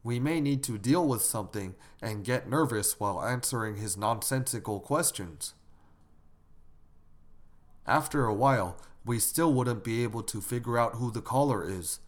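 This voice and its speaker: A man giving a didactic lecture on etiquette in a measured, instructive way, often asking his listeners questions. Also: medium pitch. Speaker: lecturer on moral teaching.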